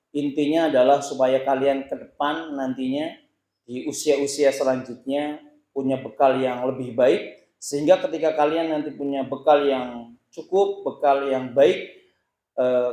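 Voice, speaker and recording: A man's voice: mid-range voice, mellow. Playful man in his thirties, echoey room. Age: 30s. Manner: playful, teasing the audience with questions; frequent "ya" tags and hesitations. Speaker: Islamic boarding school teacher. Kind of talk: informal religious advice to students. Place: boarding school room. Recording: roomy echo.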